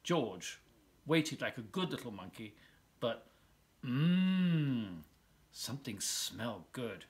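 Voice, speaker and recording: Reading a picture book to kids as a volunteer, this man performs it expressively, drawing out words and holding dramatic pauses. He speaks at a medium pitch in a sing-song way.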